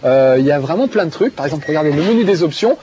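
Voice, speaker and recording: A man's voice: fairly high pitch, expressive, very fast, warm tone, a little hiss or hum. A male TV video game show host who chats enthusiastically and laughs often while playing a game, with many fillers. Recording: dull TV broadcast audio with faint music.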